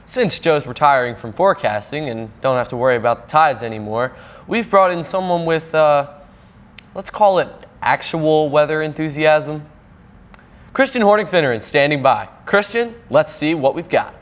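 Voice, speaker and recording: A young man anchoring a local news show in a relaxed, easygoing manner. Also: fairly high pitch, normal speed.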